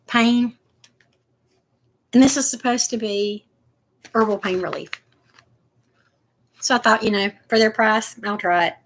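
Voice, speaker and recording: A woman's voice: mid-range voice, fairly bright tone, slight background noise. An older woman chatting casually and rambling to viewers as she unboxes craft supplies. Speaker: crafting vlogger.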